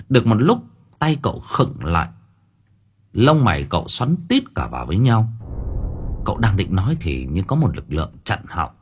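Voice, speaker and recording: A man narrating an audiobook novel in a lively, expressive storytelling style. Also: lowish voice, husky.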